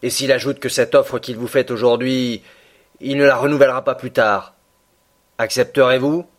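Guy reading a pushy canadian harpooner, blunt and impatient, talks loud and a bit higher. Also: fairly even intonation, normal speed, natural voice. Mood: insistent. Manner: forceful, pressing questions.

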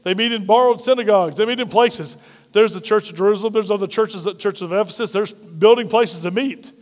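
A man with a notably high voice delivers an emphatic sermon from the front of a church. His lines ring out with a long reverb from the sanctuary. He repeats key phrases and asks the congregation to say them back. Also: brisk. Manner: emphatic, repetitive preaching with call-and-response. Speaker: pastor. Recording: reverberant hall.

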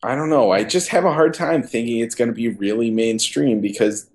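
A man's voice: medium pitch, fairly quick, darkish tone. A man co-hosting a casual tech podcast, hesitant and rambling, full of "like". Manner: hesitant, rambling, says "like" a lot. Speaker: podcast co-host.

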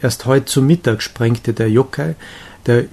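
A man reading a gentle, cheerful young woman's chatty, confiding lines in an audiobook of a romantic novella. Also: medium pitch, unhurried, gravelly. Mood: fond.

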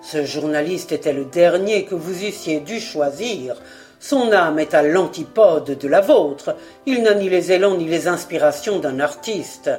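A woman's voice: sits low, lively intonation, unhurried, darkish tone, soft background music, pitched below the performer's own voice. A woman voicing a vain, elegant man who speaks in a persuasive, caressing way in an audiobook. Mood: coaxing. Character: suave vain male seducer, adult.

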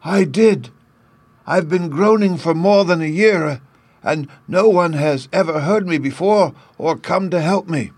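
Guy doing a polite rusty tin man from a storybook, way high voice, earnest, draws his words out. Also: expressive, moderate pace, dry recording. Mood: pained, pleading. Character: polite, grateful man made entirely of tin, rusted stiff. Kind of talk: storybook character voice.

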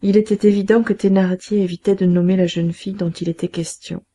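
A woman narrating a classic novel in a measured, steady reading voice. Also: mid-range voice. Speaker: audiobook narrator. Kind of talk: scripted narration.

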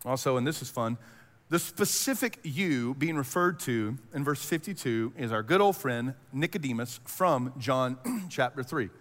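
A man's voice: medium pitch, animated, moderate pace, fairly bright tone. A man preaching a sermon as pastor, casual and conversational, with lots of fillers. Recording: hall reverb.

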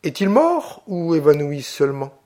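A man's voice: on the high side, big pitch swings, normal speed, dark tone. A man reading a cold, ironic young woman. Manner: ironic, composed, icy.

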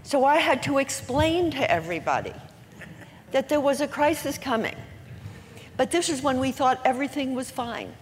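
An elderly woman in her eighties speaks earnestly to a gathered audience, drawing out the words she wants to land. Her voice sits at an ordinary pitch for a woman. It carries a long hall reverb over a faint hum of room noise. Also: animated. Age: 80s. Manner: earnest, slows down to stress key words. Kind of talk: inspirational public talk.

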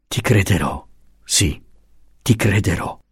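A man's voice: mid-range voice, sing-song, slow, darkish tone, breathy edge, no room sound, clean studio sound, full character voice. A man voicing an angry, suspicious young husband who speaks curtly and harshly. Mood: choked. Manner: curt and harsh.

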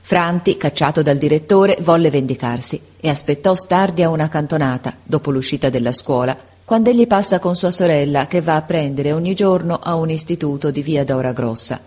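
Husky-voiced woman narrating a classic story. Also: deep voice. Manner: measured, expressive reading.

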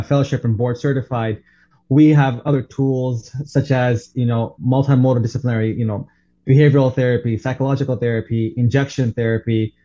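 A man who grew up in Saudi Arabia, a doctor and guest on a radio show, explaining things in a measured way with many fillers. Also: mid-range voice, dark tone, highs cut off. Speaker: pain management doctor, guest. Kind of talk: radio interview answers.

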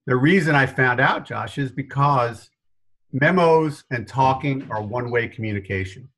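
A man's voice: mid-range voice, normal speed, a bit bright. A middle-aged man from New York with a faded New York accent, telling stories as a podcast interview guest, laughing often and punching up his asides. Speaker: guest, business consultant.

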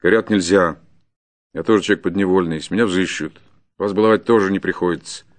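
A man doing a gruff stern forest warden. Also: low-pitched, fairly even intonation, fast, close to an everyday voice. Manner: blunt, clipped and commanding. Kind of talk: audiobook character voice.

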